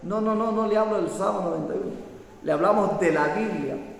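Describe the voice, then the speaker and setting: A man's voice: high voice, fairly quick, gravelly, slight background noise. A man pastor preaching a sermon, scolding and emphatic, often breaking in with hallelujahs. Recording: echoey hall reverb.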